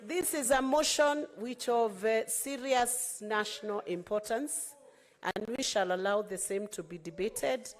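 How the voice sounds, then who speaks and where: A woman with a high voice and a Kenyan accent presides over a parliamentary chamber. She speaks formally and firmly, repeating her calls to order to keep control of the debate. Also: measured pace. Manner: firm, repetitive calls to order.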